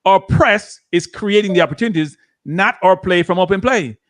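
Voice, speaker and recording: A Jamaican man with a high-sitting, fairly bright voice talks at normal speed while arguing tactics on a live football watchalong. He's argumentative, keeps repeating his points, and laughs often.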